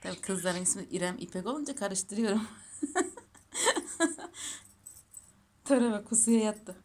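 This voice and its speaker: A woman's voice: medium pitch, expressive, a little slow, darkish tone, a little hiss or hum. A woman filming her cats at home, cooing over them and chatting casually to her viewers. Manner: doting, gushing baby talk to her cats. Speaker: pet channel host. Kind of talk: casual home pet vlog.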